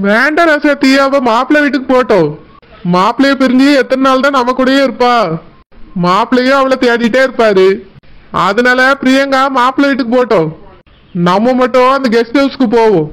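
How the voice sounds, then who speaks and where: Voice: high voice, brisk, a bit bright, smooth, rough recording. A voice actor doing a coaxing old village husband. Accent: southern Tamil Nadu village speech. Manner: soothing, coaxing, repeats endearments. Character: doting older village husband.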